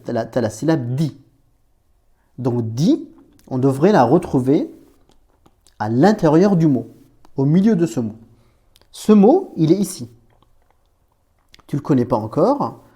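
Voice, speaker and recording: Mellow-voiced man teaching a lesson. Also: mid-range voice, very animated, unhurried, pauses often. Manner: patient, repeats points, talks to learner as tu; playful memory images for letters. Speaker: Arabic reading teacher. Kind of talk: informal explanatory lesson.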